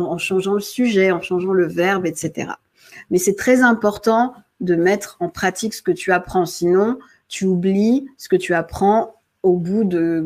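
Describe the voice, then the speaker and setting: Slow-talking woman teacher. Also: mid-range voice, a little mellow. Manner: slow, repeats herself, frequent "ok?" and "euh" fillers. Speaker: English teacher. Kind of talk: casual online lesson.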